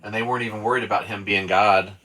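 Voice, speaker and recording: A man's voice: on the low side, fairly even intonation, very fast, pushed and bright. A man reading the Bible aloud with his child and then explaining it in loose, casual talk. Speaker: father leading family Bible study.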